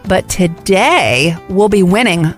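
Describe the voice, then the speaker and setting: A woman's voice: mid-range voice, expressive, takes it slowly, faint music behind. A woman co-hosting a community radio talk show, reading upbeat lead-ins and asking questions. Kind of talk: radio interview.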